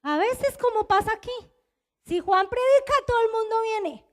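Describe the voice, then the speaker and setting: A high-pitched woman pastor with a Colombian Spanish accent preaches a sermon. She tells her story in a confessional way and acts out what people said to her. Her voice climbs high when she performs the dialogue. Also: expressive, moderate pace.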